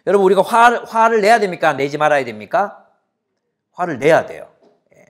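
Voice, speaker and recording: A man's voice: sits high, fairly quick. A man in his forties preaching a sermon as a pastor, asking the audience questions and acting out everyday quarrels. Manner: animated, asks the audience questions, acts out quarrels.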